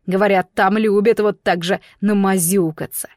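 A woman's voice: medium pitch, fairly even intonation, moderate pace, a little mellow, no room sound, clean studio sound, lightly acted. A woman voicing an arrogant, smug young man who mocks and bullies his fiancée. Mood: sneering. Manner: mocking, condescending. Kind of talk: audiobook character voice.

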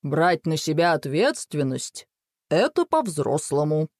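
A woman voicing a stern middle-aged father in a storybook reading, slow and grave. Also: low voice, big pitch swings, darkish tone, no room sound, clean studio sound, pitched below the performer's own voice, heavily acted. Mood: approving.

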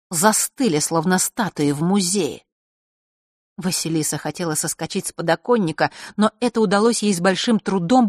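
A woman reading a fantasy audiobook as narrator, with expressive storytelling. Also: mid-range voice, dry recording, clean studio sound.

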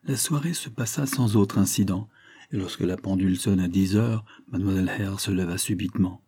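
A man reading a classic novel aloud in a measured, steady narration. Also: deep voice, husky. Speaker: audiobook narrator. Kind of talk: scripted literary narration.

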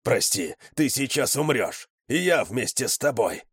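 A man's voice: mid-range voice, very animated, a little slow, a bit bright, breathy edge, no room sound, studio quality, voice pushed up, heavily acted. A man voicing a talking male dog in an audiobook, urgent and pleading. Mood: panicked. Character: lab dog, male, talking, heroic and lovesick.

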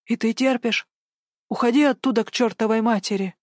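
A woman's voice: on the high side, a little fast, a little mellow, no echo, studio quality, close to an everyday voice. A woman reading a worried older man. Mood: indignant. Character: anxious protective older man.

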